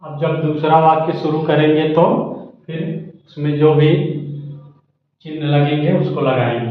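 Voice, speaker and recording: A man teaches grammar in a slow, drawn-out way and keeps checking that his students are following. His voice sits a bit high and echoes strongly around a bare room. The sound is slightly dull, as if from a basic mic. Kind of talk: slow explanatory lesson.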